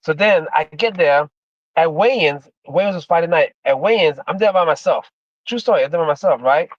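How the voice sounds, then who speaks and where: A former MMA fighter from Miami, Florida, USA, now in his fifties, livestreams in an animated, fairly quick voice on the high side. He chats casually, rambling and repeating himself with lots of "man" and "you know," in a dry recording with dull audio.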